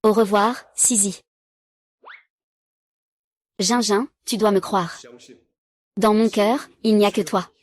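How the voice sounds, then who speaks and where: A woman's voice: medium pitch, steady tone, slow pace, pauses often, no room sound. A woman reading dubbed drama dialogue, giving every character's lines in the same plain voice. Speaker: dub voice for a drama recap.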